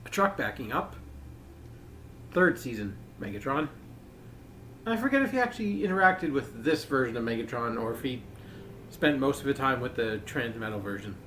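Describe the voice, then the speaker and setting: A man's voice: medium pitch, lively intonation, fairly quick, pushed and bright, slight background noise. A man giving a casual toy review, rambling and leaning on filler words.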